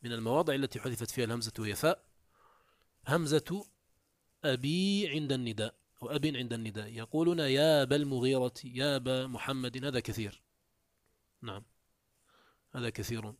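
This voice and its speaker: There is no room sound as a man briskly works through a classical text commentary lesson on Arabic morphology, leaving long pauses. He reads passages aloud and explains them step by step, with his pitch jumping up each time he introduces a quote.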